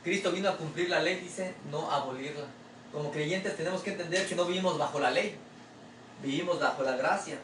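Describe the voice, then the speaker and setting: A man's voice: a little high, a little fast. A man pastor preaching a sermon in a church in a conversational way, often calling the listener brother and asking rhetorical questions. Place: church sanctuary. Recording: echoey room, distant mic, faint ambient noise.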